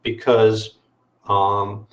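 A man walking through software on a screen-share video call, explaining step by step with frequent fillers. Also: fairly low pitch, level tone, drawn-out words, reverberant, highs cut off. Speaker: developer demoing software. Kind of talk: technical screen-share walkthrough.

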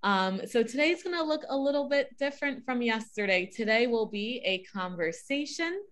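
A woman's voice: on the high side, expressive, moderate pace, fairly bright tone. A woman in her thirties from New Jersey, a music teacher presenting an online teacher workshop over a video call in a friendly, upbeat way. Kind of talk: online professional development presentation.

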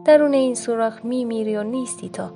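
A woman's voice: fairly high pitch, warm tone, faint music behind, lightly acted. A woman voicing a sly, scornful fox in a told folk tale, speaking in a mocking, reproachful way.

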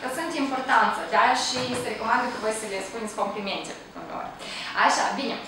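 A woman leading a staff training session, prompting the group with questions and recapping their answers. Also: fairly high pitch. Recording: echoey room, distant mic, faint noise.

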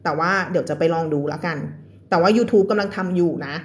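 A woman's voice: on the low side, a little fast. A young woman teaching English in a casual live stream, chatting and laughing with viewers between storybook passages.

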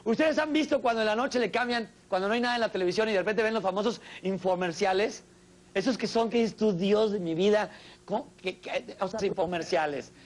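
A man's voice: sits high, fairly quick. A man performing a theatrical stand-up monologue before a studio audience. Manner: theatrical, exclamatory, addresses live audience. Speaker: stand-up comedian host. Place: television studio stage with audience.

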